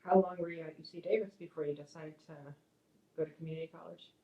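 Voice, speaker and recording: Brisk interviewer, short questions, roomy dull sound. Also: mid-range voice, fairly even intonation, warm tone. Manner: brief, plain questions. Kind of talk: oral history interview questions.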